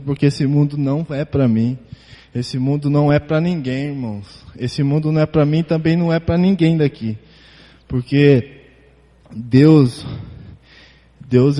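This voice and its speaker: A man's voice: on the high side, dark tone, long reverb tail. Emotional Brazilian man giving church testimony. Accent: Brazilian Portuguese. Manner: emotional, halting, repeats words.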